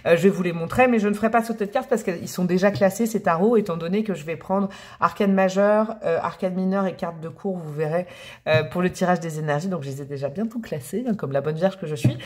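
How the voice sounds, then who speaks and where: A woman's voice: fairly low pitch, fast, a little mellow. Chatty woman doing a tarot reading. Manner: chatty and affectionate, calls viewers pet names; enthusiastic, often exclaims over the cards. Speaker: tarot reader. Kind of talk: casual tarot card reading.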